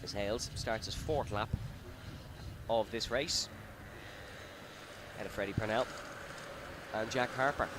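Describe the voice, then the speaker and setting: A man with a lowish voice commentates live on a motorsport race, giving running play-by-play that builds with the action, though he's unhurried and pauses often. Loud kart engines and outdoor track noise from the circuit dominate the recording.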